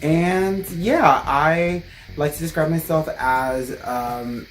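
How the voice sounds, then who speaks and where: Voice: mid-range voice, slow, faint music behind, rough recording. A drag performer of twenty-five from New Jersey, Ecuadorian American, introducing themself to camera as a contestant in a bold, upbeat, proud way. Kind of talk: confessional to camera.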